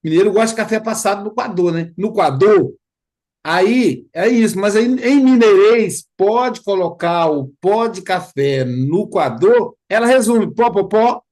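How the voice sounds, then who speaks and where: Hosting a study group, a man explains things in a relaxed teaching style, speaking at a measured pace in a high voice. He tells his points like animated stories and throws in playful impressions.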